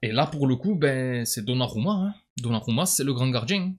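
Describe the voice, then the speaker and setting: A man's voice: mid-range voice, animated, fairly quick. A man with a southern French accent giving a casual football debrief as a vlogger, often repeating words and sighing as he talks. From southern France.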